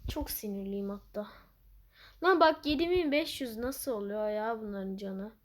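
A woman giving playful, excitable gameplay commentary as she plays, breaking into loud outbursts. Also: medium pitch, a little slow. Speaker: gaming channel host.

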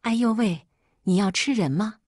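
A woman's voice: normal speed, a little mellow, no echo, clean studio sound, close to an everyday voice. A woman voicing a scheming, insulting middle-aged sister-in-law in a storybook reading. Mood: goading. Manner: scolding, shrill and insulting.

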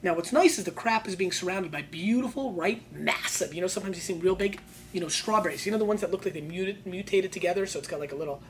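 A woman's voice: lowish voice, fast, slight background noise. A woman hosting a wine show, giving sommelier-style tasting notes in a colloquial, emphatic way and repeating phrases for emphasis.

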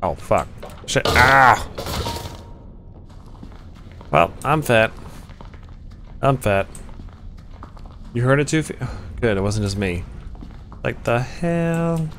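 A man's voice: fairly low pitch, expressive, a little slow, long pauses, a little hiss or hum. A young man streaming a game live, chatting loosely with his viewers and swearing often. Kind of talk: live gameplay commentary.

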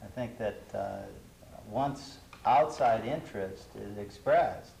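A middle-aged man, an urban planner, speaking in a measured, thoughtful way with some hesitations on a studio panel. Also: fairly low pitch, vocal fry, darkish tone. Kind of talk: panel discussion. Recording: roomy studio with faint hiss.

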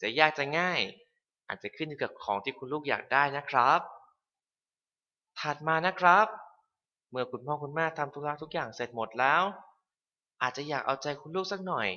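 A man narrating a scripted English lesson for parents, polite and clear, reading the English phrases slowly. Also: a little high, lively intonation, pushed and bright, dull audio.

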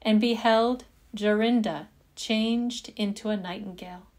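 A female storyteller reads a fairytale slowly and deliberately, with measured phrasing like scripted storybook narration. Her mid-range voice is steady and darkish in tone.

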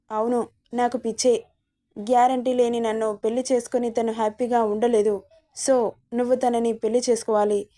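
A woman's voice: on the high side, dark tone. A woman narrating a romance story, reading every character's lines in her own voice.

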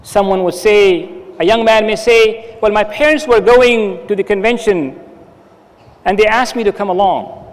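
High-voiced man preaching a sermon. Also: measured pace, long reverb tail. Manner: earnest, emphatic exhortation with hand gestures. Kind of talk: Friday sermon. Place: dark stage with curtain backdrop. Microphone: stand mic at the lectern.

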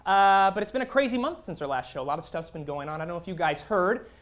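A man's voice: high-pitched, animated, fast talker, a bit bright. A man in his thirties performs a late-night monologue on a small theatre stage. He delivers punchy late night jokes as the host, with faint noise around his voice. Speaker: talk show host. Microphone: lapel mic. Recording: stage recording with background noise.

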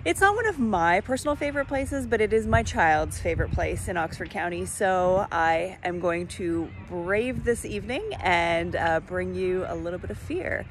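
A woman's voice: lowish voice, animated, moderate pace, hardly any pauses, faint music behind. A woman, chatting upbeat into a phone held at arm's length outdoors at night. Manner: chatty, upbeat selfie commentary. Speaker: real estate vlogger. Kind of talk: casual vlog tour. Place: outdoors at night at a farm attraction.

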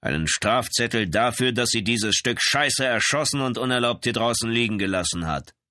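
A man's voice: medium pitch, expressive, moderate pace, pushed and bright, no room sound, pitched above the performer's own voice. A man voicing a brutal, mocking police lieutenant in an audiobook, barking orders with a sneer. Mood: mocking commands. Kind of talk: audiobook character voice.

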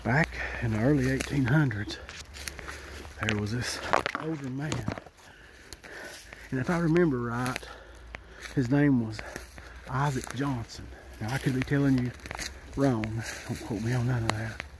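A man's voice: medium pitch, unhurried, long pauses. An older man, a little out of breath, telling a rambling folksy story while hiking through the woods. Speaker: outdoor storytelling vlogger. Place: outdoors in woods by water. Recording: noisy outdoor ambience.

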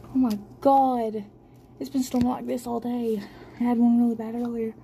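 Filming a storm on her phone, a frightened woman narrates excitedly, breathless and trembling, with lots of exclamations. Her voice is fairly high, flat, creaky and mellow at a moderate pace, captured in noisy amateur audio full of storm sounds.

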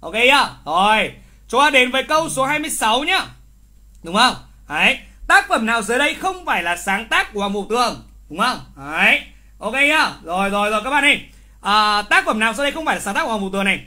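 A male literature teacher running a live online exam review, lively and teasing, who repeats key words and scolds wrong answers with exclamations. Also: very high voice, fast.

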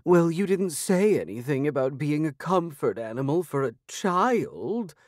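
A man's voice: fairly high pitch, lively intonation, a little slow, darkish tone, dry recording, clean studio sound, voice pushed up. A man voicing a haughty, sarcastic female talking cat with a drawling, disdainful delivery.

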